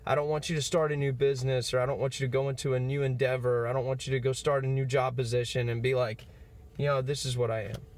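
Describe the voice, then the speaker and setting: A man's voice: mid-range voice, flat delivery, fast talker, few pauses, darkish tone. A man in his twenties giving an earnest, encouraging motivational talk to camera, with fillers like "you know". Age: 20s. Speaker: motivational vlogger.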